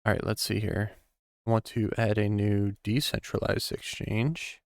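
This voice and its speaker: A man thinking aloud while he codes on a live stream, musing in a halting way with many pauses and ums. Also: lowish voice, little pitch movement, no room sound, clean studio sound. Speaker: programmer streaming a coding session.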